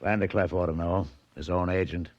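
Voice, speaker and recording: Guy playing sarcastic gruff american cop in old radio drama, lowish voice, clipped tough talk. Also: steady tone, a little fast, dull audio, background noise, lightly acted. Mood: brusque explaining. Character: gruff sardonic male New York police detective. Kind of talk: 1940s radio drama acting.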